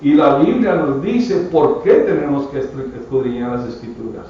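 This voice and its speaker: A man's voice: medium pitch, moderate pace, a little hiss or hum. A man preaching a sermon with emphatic delivery, often addressing listeners as brother. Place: church. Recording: echoey church from far off, muffled.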